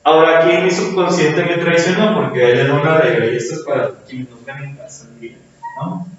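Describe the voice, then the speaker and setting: A man's voice: a little high, fairly even intonation, normal speed, faint music behind. A man with a Mexican accent teaching a grammar lesson to a class, often checking with "right?" tag questions. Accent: Mexican Spanish. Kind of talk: classroom lecture, also filmed for viewers at home. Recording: very echoey room, far from the mic, dull sound.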